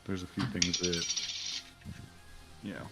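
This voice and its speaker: A man's voice: low-pitched, little pitch movement, slow. A man giving blunt instructions to fellow players over online gaming voice chat. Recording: voice chat under loud game music.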